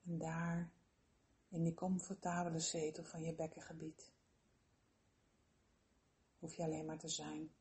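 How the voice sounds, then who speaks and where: A woman leading a slow guided relaxation meditation in a soothing, gentle, unhurried manner with long pauses. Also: sits low, monotone.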